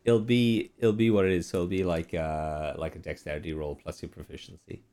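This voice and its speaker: A man narrating as game master, describing scenes with many pauses and fillers. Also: deep voice, level tone, dark tone.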